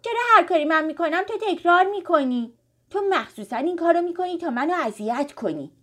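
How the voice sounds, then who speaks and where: A woman's voice: sits high, animated, fairly bright tone, voice pushed up. A woman voicing a petulant, complaining schoolboy, the older brother in a children's story. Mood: angry. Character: schoolboy, grumpy older brother who turns kind.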